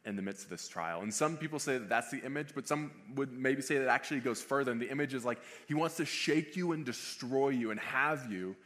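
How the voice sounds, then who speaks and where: Male pastor, mid-pitched voice, relaxed preaching, repeats lines for emphasis. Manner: conversational preaching, restating phrases for emphasis. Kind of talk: sermon.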